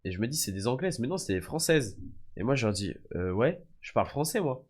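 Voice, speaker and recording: A man's voice: mid-range voice, sing-song, fairly quick, darkish tone. A young French man streaming live, telling stories to his viewers in a slangy, casual way, calling them "les gars" and "frère". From France. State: often sick. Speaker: livestreamer. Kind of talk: casual storytelling chat.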